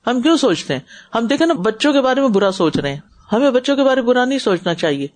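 A woman's voice: a little high, big pitch swings, a little mellow. A woman religious teacher giving a class and answering questions in an earnest, advising way, mixing in English words.

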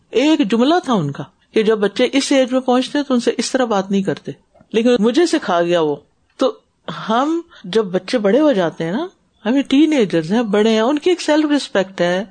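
A woman's voice: mid-range voice, a little mellow. A woman religious teacher giving a class and answering questions in an earnest, advising way, mixing in English words.

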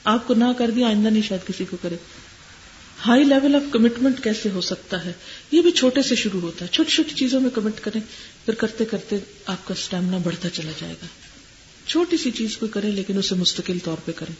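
Gentle woman teacher giving religious advice. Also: mid-range voice, expressive. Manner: gentle, advising, often checks in with listeners; mixes English words into speech. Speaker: religious teacher answering listeners' questions. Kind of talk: Islamic advice lecture. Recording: dull lo-fi recording with faint hiss.

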